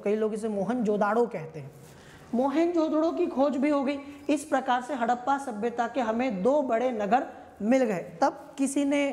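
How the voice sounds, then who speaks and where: Woman, high voice, history teacher, exam-prep lecture, chatty explaining, checks in with listeners, long reverb. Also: darkish tone. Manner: conversational, checks in with listeners often.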